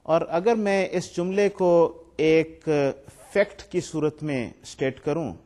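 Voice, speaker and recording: A man's voice: a little high, darkish tone. A man giving a recorded lecture. He explains step by step, mixes in English technical terms and reads his examples aloud with stress.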